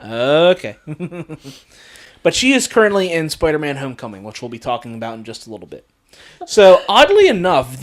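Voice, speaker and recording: A man hosting a casual movie podcast, laughing often and explaining things with hesitant fillers. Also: a little high. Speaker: podcast host.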